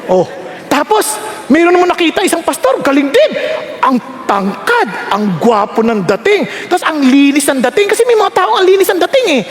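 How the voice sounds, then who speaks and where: High, animated man preaching. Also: normal speed, some chatter behind. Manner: animated, acts out quoted voices with big swings. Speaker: pastor. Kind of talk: sermon. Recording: echoey hall with long reverb, faint ambience.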